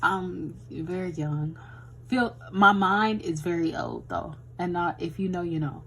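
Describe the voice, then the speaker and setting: A woman's voice: lowish voice, a little slow, vocal fry, fairly bright tone, low-quality recording. A woman in her twenties chatting casually while swatching nail gels, with a tired voice and a rambling, chatty way of talking. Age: 20s. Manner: chatty, rambling, says "y'all". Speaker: beauty vlogger.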